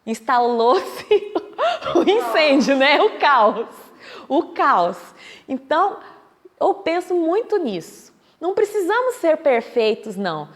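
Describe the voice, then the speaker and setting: A woman's voice: high-pitched, very animated, slow pace. A Brazilian woman giving a public talk at a Spiritist center, telling a story and acting out what other people say. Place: meeting hall of a Spiritist center. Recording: echoey hall.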